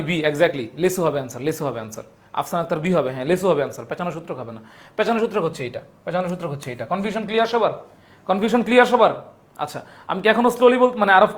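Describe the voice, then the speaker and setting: Young guy teaching a live bio class, high voice, talks fast, says everything twice or three times. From Bangladesh. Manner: repeats each point several times, calls out viewers' names from comments. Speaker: online biology teacher. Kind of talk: live-streamed exam question review.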